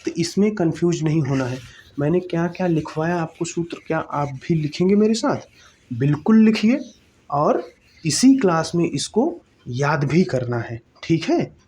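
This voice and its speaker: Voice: medium pitch, lively intonation, normal speed, mellow. A teacher giving an exam-prep lesson, repeating each term and asking the class rhetorical questions, checking in often with "okay?".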